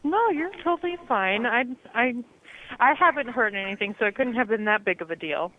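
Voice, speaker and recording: A woman's voice: fairly high pitch, animated, a little fast. A woman working at a hotel front desk, answering a phone call patiently and reassuringly. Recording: tinny phone line.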